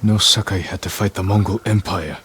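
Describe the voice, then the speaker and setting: An actor voicing a grim, resolute young samurai lord who speaks in a steady, clipped, determined way, in video game dialogue. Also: male voice, sits low, fairly quick, a little hiss or hum. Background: game music.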